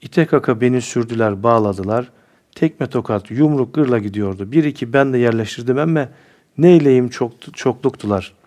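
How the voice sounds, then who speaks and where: A man's voice: medium pitch, moderate pace, darkish tone, natural voice. A man voicing a cheeky rustic young soldier. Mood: spirited. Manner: rustic folksy speech, boastful storytelling.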